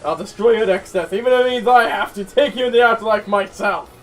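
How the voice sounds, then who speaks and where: A streamer voicing an arrogant evil sorcerer villain, shouting taunts while reading game dialogue aloud. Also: medium pitch, quick pace, distant mic, voice pushed up, natural voice. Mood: gloating. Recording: voice set back from mic, game music behind.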